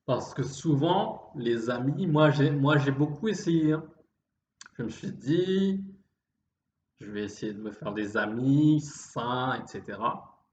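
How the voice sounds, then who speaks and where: A vlogger from Réunion delivers an introspective monologue slowly and haltingly, with repeated false starts and phrases that trail off. His medium-pitched voice is darkish, lively in intonation, slightly effeminate and refined in phrasing. The recording sounds dull and roomy, with faint background noise.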